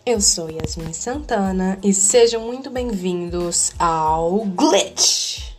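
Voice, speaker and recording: Hosting an educational explainer, a woman with a medium-pitched, animated voice reads a prepared text slowly, making small slips and correcting herself. Faint music plays behind her, and the audio is clipped and blown-out with distortion.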